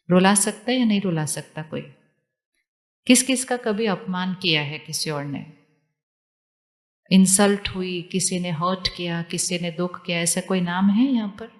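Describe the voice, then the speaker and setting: A woman giving a spiritual talk to a live audience, calmly repeating questions to her listeners. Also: mid-range voice, long reverb tail. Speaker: spiritual teacher.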